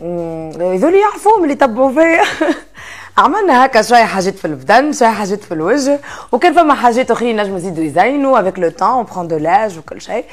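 A woman in her thirties with a Tunisian accent talks at a breakneck clip, lively and quick to laugh. She drops French phrases into her Arabic as she answers an interviewer in a studio. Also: on the high side, faint music behind. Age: 30s. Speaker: interview guest, influencer. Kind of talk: casual interview chat. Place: indoor studio set with armchairs.

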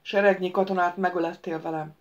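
A woman's voice: lowish voice, fairly even intonation, natural voice. A woman voicing a weary young male prince who speaks curtly and grimly, on a dull lo-fi audiobook recording.

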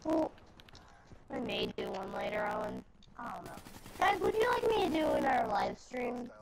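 A man's voice: extremely low pitch, normal speed, crowd noise. Male gamer with a robotic, glitchy voice. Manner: rambling, excitable, filler-heavy. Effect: robotic, glitchy distorted voice. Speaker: gaming video host. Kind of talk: casual gameplay commentary. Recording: loud game noise behind voice.

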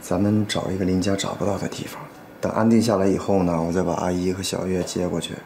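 A young actor playing a devoted man who speaks gently and earnestly. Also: low-pitched, little pitch movement, fast talker, slight background noise. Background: background music.

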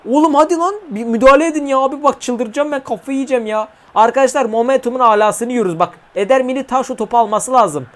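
A young man commentating his own mobile football match for viewers, chatty and slangy, often swearing and shouting at the game. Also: extremely high pitch, fast, hardly any pauses. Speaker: gaming YouTuber.

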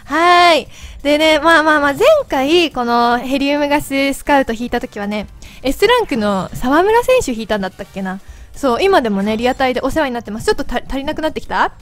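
A woman with a squeaky, helium-altered voice giving playful, chatty, excitable commentary on a game as its host. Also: fast talker, faint music behind. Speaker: host of a mobile game channel. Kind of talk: casual gameplay commentary.

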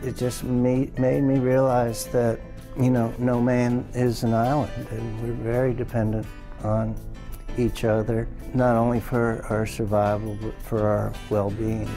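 A man in his sixties, a photographer, speaking thoughtfully in an interview, pausing and restarting as he reflects. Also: medium pitch, flat delivery. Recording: interview with music bed behind.

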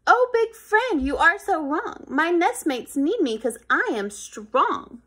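A woman's voice: very high voice, sing-song, takes it slowly, a bit bright, pitched above the performer's own voice, heavily acted. A woman voicing a tiny, plucky ant in a rhyming storybook, imploring and emphatic. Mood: earnest. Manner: imploring, emphatic sing-song rhyme.

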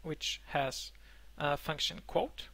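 A young man whose first language is Polish gives an online conference talk from a room at home, pausing often with fillers and restarts over a webcam microphone. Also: a little high, vocal fry, pushed and bright, no room sound. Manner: halting, many fillers and restarts. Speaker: conference speaker. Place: indoor room, remote talk.

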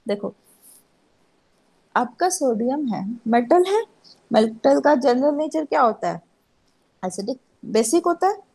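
A woman teaching chemistry to a class, asking herself questions and answering them. Her voice sits a little high, with a husky edge and a gravelly fry. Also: animated, takes it slowly, long pauses, a little mellow, low-quality recording. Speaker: chemistry lecturer. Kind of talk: classroom lecture.

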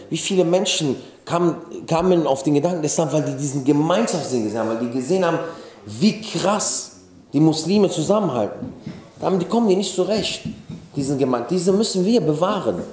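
A man's voice: on the high side, a little mellow. A man giving an informal sermon. He tells stories casually and mixes in Arabic religious terms. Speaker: preacher. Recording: echoey room.

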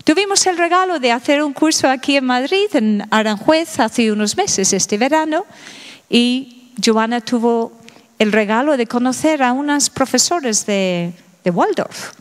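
A middle-aged woman addresses a lecture audience in a high, bright-toned voice, pressing them with one rhetorical question after another. She speaks slowly and deliberately. Her voice rings with the long reverb of a large hall. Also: lively intonation. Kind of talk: public lecture.

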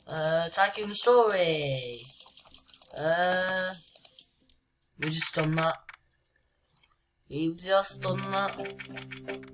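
A woman's voice: on the low side, a bit bright. A woman giving casual gameplay commentary as a YouTuber, chatty and reading on-screen game text aloud with lots of "uh"s. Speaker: gaming YouTuber. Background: background music.

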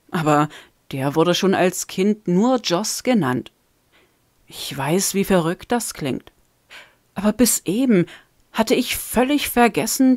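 A woman's voice: mid-range voice, darkish tone, no room sound, clean studio sound, pitched above the performer's own voice. A woman reading the part of an eager young woman in a storybook. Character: excited young woman, amazed at a memory.

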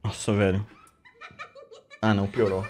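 A man with a Brazilian Portuguese accent doing let's play commentary, jumpy and swearing, with bursts of squeaky baby talk. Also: level tone, measured pace, darkish tone, slight background noise. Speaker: gameplay streamer.

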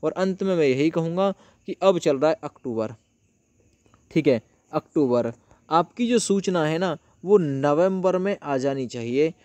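In a dry recording, a man with a fairly high, animated, slightly mellow voice speaks a little slowly. He hosts an exam update channel, explaining the news to viewers informally and familiarly while repeating phrases for emphasis.

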